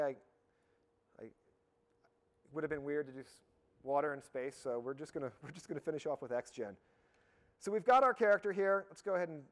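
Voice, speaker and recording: A man giving a live software demonstration as a product expert, talking in a casual, upbeat way with lots of fillers and restarts, his voice a little hoarse. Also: a little high. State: slightly hoarse, losing his voice.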